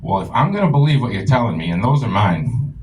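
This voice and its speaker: A man putting on a cranky old grandfather, gruff and profane, hurling accusations in a low, slightly grainy voice. He sounds indignant and sure of himself, pitched a touch low. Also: very animated, fast talker, darkish tone, slight background noise, rough recording.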